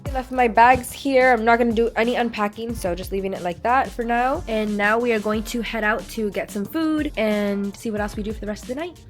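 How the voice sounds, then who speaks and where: Fast-talking chatty woman vlogger. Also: on the high side, faint music behind. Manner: chatty, upbeat, peppered with "like". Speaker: travel vlogger. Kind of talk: casual travel vlog narration.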